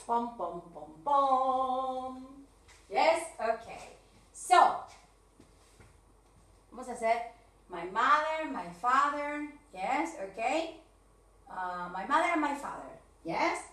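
A woman with a Rioplatense Spanish accent, an English teacher recording a video lesson for young children, drawing out slow model sentences and checking in often. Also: fairly high pitch, expressive, a bit bright, recorded from a distance. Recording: echoey room, voice from off the mic.

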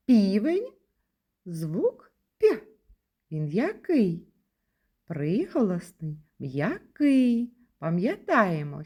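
Slow, lively-voiced kindergarten teacher woman. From Ukraine. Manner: sing-song, stresses key words with rising pitch. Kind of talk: slow, patient lesson for young children.

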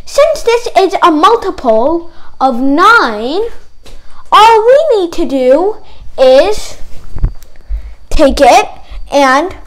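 A woman's voice: extremely high pitch, rough recording. A woman tutoring math in a playful, teasing way, dropping jokey asides between the steps. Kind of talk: comedic math lesson.

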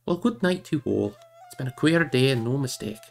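A man reading aloud and voicing a gruff but kindly older male hobbit farmer with rustic speech. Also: mid-range voice, animated, fairly quick, faint music behind.

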